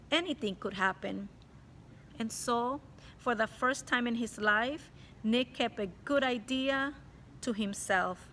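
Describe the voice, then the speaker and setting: A slightly high-voiced woman teacher reads a chapter book to children, stopping to explain parts of the story warmly and directly to them. A faint hiss or hum can be heard.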